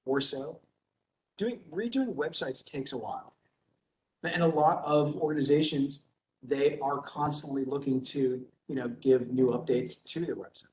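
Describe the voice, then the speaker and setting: A man's voice: medium pitch, unhurried, a little mellow. A man chairs a board meeting over a video call and keeps the discussion moving in an easygoing, chatty way. His voice rings in a reverberant room, and a faint hiss runs underneath it. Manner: loose and conversational, with fillers like "you know". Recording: echoey room with faint noise.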